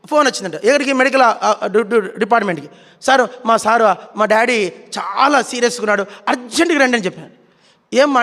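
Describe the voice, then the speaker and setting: Animated storytelling with scenes acted out fills this Telugu-style sermon, recorded in a reverberant hall. The preacher is a man with a very high, slightly bright voice.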